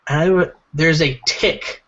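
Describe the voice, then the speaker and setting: Husky, rambling podcast storyteller guy. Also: a little high, measured pace, lo-fi sound. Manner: rambling, filler-heavy, animated retelling. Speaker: podcast co-host. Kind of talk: casual comedic storytelling.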